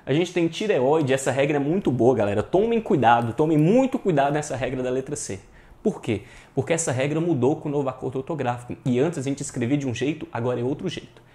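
A man with a Brazilian Portuguese accent speaks at a medium pitch, quickly and with animation, his tone warm. He's giving an online grammar lesson for exam prep, often talking straight to viewers and hammering rules home by repeating them.

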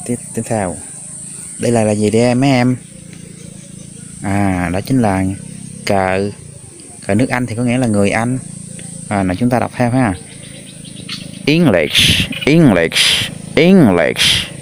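A man teaching an English lesson to children, repeating each new word slowly three times for the class to echo. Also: on the low side, darkish tone, slight background noise. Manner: drills words slowly in threes for pupils to repeat.

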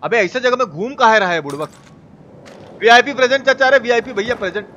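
Speaking very high and quick in a pushed, bright voice, this Indian gaming streamer with a Bihari Hindi accent teases viewers, curses freely, and keeps up colloquial live commentary. The recording is muffled and clearly noisy, with game audio in the background.

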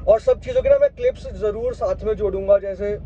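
A man's voice: high-pitched, quick pace, warm tone. A young man talking casually to camera in a travel vlog, chatty and explaining costs step by step, mixing in English words. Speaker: travel vlogger. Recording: slightly dull lo-fi audio with faint background noise.

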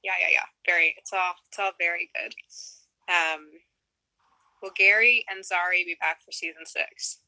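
Woman, casual video-call chat, very bright tone, dry close sound, laughs often. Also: on the low side, steady tone, moderate pace, no echo, low-quality recording. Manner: chatty, laughs often, lots of fillers. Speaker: guest on a live stream.

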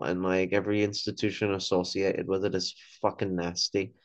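Deep-voiced and recorded lo-fi with no room sound, a young adult man joins a panel by video call from his home. He speaks casually and bluntly about politics, swearing as he goes.

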